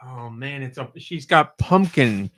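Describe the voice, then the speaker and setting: A man's voice: mid-range voice, lively intonation, unhurried, a crowd in the background. A man hosting a podcast, chatting casually and rambling while eating candy. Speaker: podcast host. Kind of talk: casual chat.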